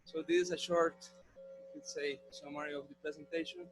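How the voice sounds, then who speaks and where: A man from Rica, giving a measured academic conference talk. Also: on the high side, flat delivery, slight background noise, rough recording. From Costa Rica. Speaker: conference presenter.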